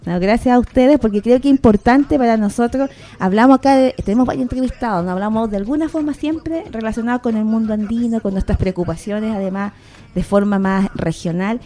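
Fairly quick and warm, with a pitch on the high side, this radio host chats casually from the studio as she introduces guests. She thinks out loud, leaning on fillers and tag questions.

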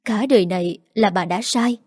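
A tearful grandmother near seventy, full of remorse and begging forgiveness, as a woman reader plays her. The voice is mellow and dark, recorded close and dry with no room around it. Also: mid-range voice, moderate pace, husky, no echo, lightly acted. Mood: remorseful. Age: older. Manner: tearful, pleading apologies.

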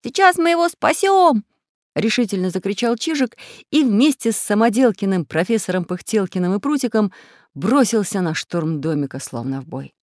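A woman narrating a children's storybook in an expressive, lively reading. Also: mid-range voice, normal speed, no echo, studio quality. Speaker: audiobook narrator.

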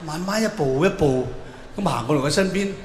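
A stand-up comedian with a slightly high, expressive voice delivers a brisk monologue, theatrical and full of mock-earnest advice. The recording is in an echoey hall with long reverb and clearly audible noise.

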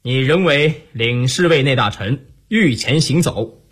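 An actor playing a commanding, wry emperor in a radio drama, speaking in a measured, imperial way. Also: male voice, medium pitch, lively intonation, husky.

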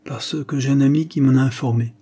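A man's voice: medium pitch, steady tone, fairly quick, dark tone, husky. A man voicing a boastful, cheeky Gascon private detective who talks with cocky self-assurance. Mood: assured.

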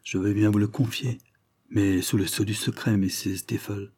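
A man voicing a conciliatory butler who speaks with embarrassment, in a low, husky voice. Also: steady tone, moderate pace, a little mellow. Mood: placating. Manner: placating, embarrassed.

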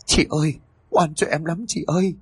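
Guy doing a scared young wife begging, stammery, slightly higher, husky. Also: steady tone, moderate pace, no room sound. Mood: sobbing. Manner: stammering, pleading. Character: virtuous young wife, frightened and pleading.

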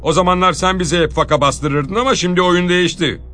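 A man voicing a stern gendarme sergeant who calls out loudly to an old friend he is chasing. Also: high voice, fairly even intonation, brisk, faint music behind, pitched above the performer's own voice. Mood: warning. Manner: loud, calling out.

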